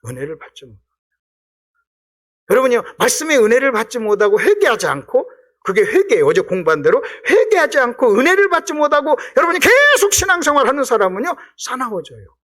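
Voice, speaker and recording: Animated, bright-voiced pastor preaching. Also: male voice, very high-pitched, fast talker. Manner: acts out quoted voices, sudden shouts and drops. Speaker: guest pastor. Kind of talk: animated revival sermon. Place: church sanctuary.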